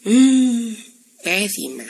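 High-voiced gossipy village assistant. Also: male voice, very animated, extremely slow, vocal fry, slightly rough, heavily acted. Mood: gossipy, insistent. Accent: Central American. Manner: colloquial, gossipy, emphatic. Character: gossipy village warlock's male assistant, cheeky and insistent. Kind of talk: comic audio storytelling sketch.

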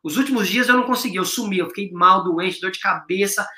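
A man, a business owner talking as a guest in a casual chat, telling stories in a slangy, excitable way and acting out the dialogue. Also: high-pitched, quick pace, reverberant. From Brazil, São Paulo. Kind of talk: animated storytelling in casual chat.

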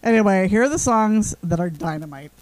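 A woman's voice: medium pitch, lively intonation, a little fast, a little mellow, no echo, poor audio. Young woman, casual podcast chat, gushing and sweary, dry close sound. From Canada. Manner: gushing, sweary, sings along to lyrics. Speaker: podcast co-host. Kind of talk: casual chat about favorite bands.

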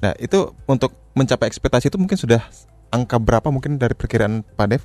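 A man's voice: mid-range voice, expressive, fast talker, a little mellow, dry recording, soft background music. A man hosting a radio interview, putting questions in a conversational way.

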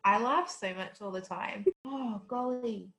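In a casual interview chat, a woman in her twenties who was raised in South Africa and has a light Australian accent tells stories animatedly as a guest, laughing often. Her mid-range voice is unhurried and a bit bright, with a roomy sound.

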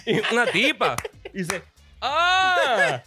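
Animated high-voiced man telling stories. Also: fairly quick, faint music behind. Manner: animated storyteller, acts out voices, laughs often. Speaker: podcast co-host. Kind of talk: casual storytelling chat.

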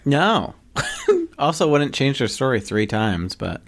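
Lively-voiced man making wry asides. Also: mid-range voice, a little slow. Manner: dry, wry interjections. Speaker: podcast co-host. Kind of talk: casual chat.

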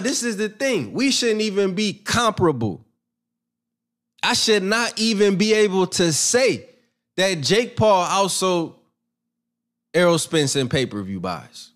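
A man's voice: high-pitched, fairly bright tone. A brash young man hosting a boxing commentary channel, giving his opinions in a rambling, profane, self-assured way. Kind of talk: casual opinion monologue.

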